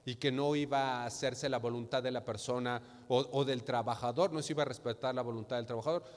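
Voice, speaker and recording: A man's voice: mid-range voice, steady tone, brisk. A man with a Mexican Spanish accent preaching a sermon as pastor, asking rhetorical questions and acting out imagined voices. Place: church hall. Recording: church sermon with long hall reverb.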